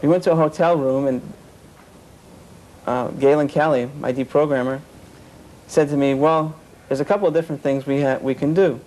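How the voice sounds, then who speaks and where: The recording is rough, and the man's voice is a little high and a little mellow, with fairly even intonation at a normal speed. He is an interviewee sincerely recounting his past in a cult, often relaying others' words.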